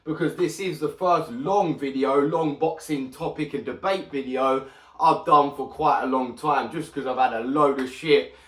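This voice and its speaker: A man hosting a boxing podcast in casual, animated talk, swearing freely and speaking with a slight lisp from a sore mouth. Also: mid-range voice, moderate pace, distant mic. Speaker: boxing channel host. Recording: echoey room, mic set back.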